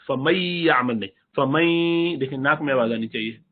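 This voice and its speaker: A man teaching a Quran recitation lesson, explaining the rules and slowly reciting and stretching out example words. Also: mid-range voice. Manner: drawn-out demonstrative recitation of examples. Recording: tinny phone-like audio.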